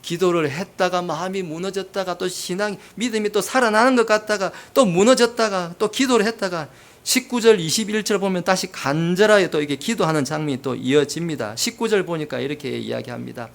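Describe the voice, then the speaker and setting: A man preaching a sermon as pastor, animated and acting out the voices he quotes. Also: sits high, fairly quick, gravelly.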